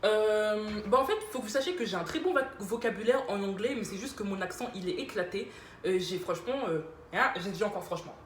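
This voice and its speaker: A woman's voice: mid-range voice, lively intonation, brisk, slight background noise. A young woman answering viewer questions in a chatty, playful, self-mocking way. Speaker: YouTuber. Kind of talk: casual Q&A vlog. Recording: echoey room with faint ambience.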